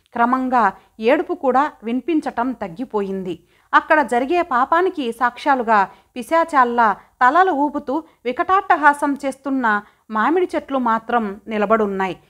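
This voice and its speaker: A woman with a high voice reads a story aloud as an audiobook narration. She keeps a steady, dramatic pace that carries the scene along.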